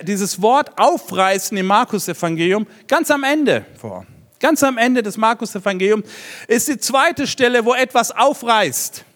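A man preaching a sermon in an animated way, swinging from loud emphasis to hushed, slowed lines. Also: high-pitched. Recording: hall reverb.

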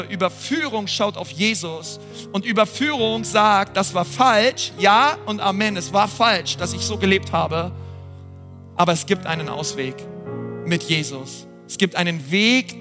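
Pastor guy preaching, earnest, lots of ähms, kinda high voice, echoey church hall. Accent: German. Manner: earnest, direct address to listeners, frequent fillers. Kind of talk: sermon. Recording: church hall with long reverb and soft music.

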